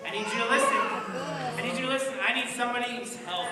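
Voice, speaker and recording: High-voiced woman telling a children's story. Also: quick pace, a loud crowd. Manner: animated, dramatic, coaxing. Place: large chapel hall. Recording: echoey hall, far from the mic, noisy children.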